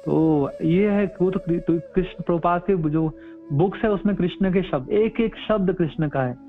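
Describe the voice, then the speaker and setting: A man's voice: high voice, normal speed. A man preaching a devotional sermon, telling stories earnestly and repeating his phrases. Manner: repetitive, earnest storytelling. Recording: tinny phone-like audio with faint music.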